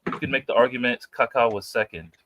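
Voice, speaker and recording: Emphatic man in his twenties, bright voice. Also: medium pitch, quick pace. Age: 20s. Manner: emphatic, repeats himself, says bro a lot. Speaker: podcast co-host. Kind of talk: casual reaction chat.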